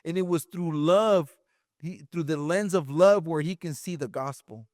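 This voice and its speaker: Man, podcast co-host, emotional testimony, repeats phrases, fairly high voice, dry close sound. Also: moderate pace, a little mellow, no room sound. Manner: emotional, repeats himself, says "bro" often. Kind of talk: casual chat, personal testimony.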